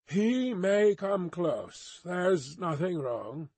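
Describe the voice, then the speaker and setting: A man voicing a polite, anxious gentleman traveller in a storybook, with a mildly quavering voice. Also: high voice, big pitch swings, drawn-out words, slightly rough, no room sound, pitched above the performer's own voice, full character voice. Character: mild, polite gentleman coach passenger, anxious yet composed.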